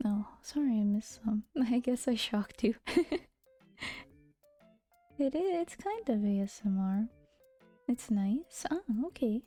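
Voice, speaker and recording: On a casual chat stream, a woman speaks near a regular microphone in a soft, mellow voice that frequently drops to a half-whisper. She is slightly high-pitched and expressive but slow, pausing often, teasing playfully and giggling a lot. Quiet music lingers faintly behind her.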